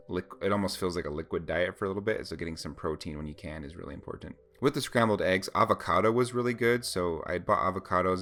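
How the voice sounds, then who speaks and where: A man with a low-pitched voice talks as a vlogger sharing his own experience and tips. His delivery is conversational and informal, explaining things plainly as he goes. Faint music plays behind his voice. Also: fairly bright tone. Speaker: vlogger recounting a personal experience. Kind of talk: casual chat, first-person account with advice.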